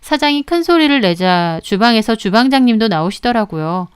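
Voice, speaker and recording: Young female storyteller, earnest, clear voice, close dry recording. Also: fairly high pitch, animated, brisk, dry recording. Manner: earnest, recounting events. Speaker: narrator. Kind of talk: storytelling narration.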